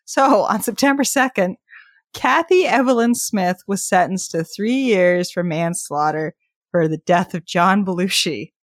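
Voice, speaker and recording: A young woman co-hosting a podcast in casual chat, talking fast with lots of fillers and giggles. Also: medium pitch, no echo, studio quality. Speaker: podcast co-host.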